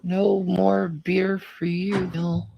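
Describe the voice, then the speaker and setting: A woman's voice: fairly low pitch, level tone, drawn-out words, gravelly, slightly rough, no echo, lo-fi sound. A woman livestreaming late at night, mumbling in a drowsy, half-whispered way.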